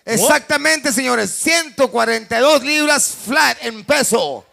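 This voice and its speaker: A man's voice: very high voice, normal speed, gravelly, sharp tone. A man hosting a boxing weigh-in as a bilingual hype announcer, repeating catchphrases and drawing out his calls. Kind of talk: hype boxing announcing switching between Spanish and English.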